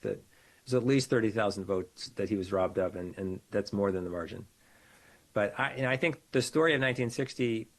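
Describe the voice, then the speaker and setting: A man, a political science professor, giving a measured, analytical explanation as a guest over a video call. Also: fairly low pitch. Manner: measured, analytical, with frequent restarts. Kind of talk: explanatory interview talk.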